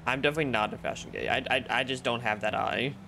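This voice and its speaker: Bright-voiced young man rambling casually. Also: medium pitch, fast, gravelly, a little hiss or hum. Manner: rambling, many fillers. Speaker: streamer. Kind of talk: casual chat.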